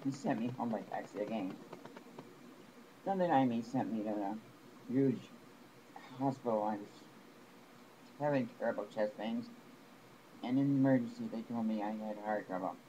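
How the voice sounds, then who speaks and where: A man's voice: fairly low pitch, mellow, dull audio. Aggrieved man rambling over a noisy recording. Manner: rambling, aggrieved, with halting restarts. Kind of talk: personal complaint to camera.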